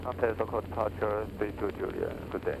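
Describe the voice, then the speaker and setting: Man's brisk pilot voice over aircraft radio. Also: on the low side, gravelly. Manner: brisk, flat, matter-of-fact. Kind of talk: clipped radio readback. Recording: distant radio over loud engine noise.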